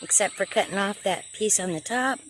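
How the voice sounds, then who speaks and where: A woman's voice: mid-range voice, fairly quick, a bit bright. Woman rambling about her plants outside, phone mic, bit of bug noise. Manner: chatty, thinking aloud while working. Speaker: gardener filming her garden. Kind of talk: casual garden vlog narration. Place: outdoors in a rural garden.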